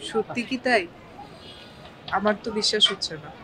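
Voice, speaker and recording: An actress playing a young girlfriend, gentle on the phone and playfully suspicious in person. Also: medium pitch, normal speed, background noise, close to an everyday voice. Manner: gentle, curious, teasing.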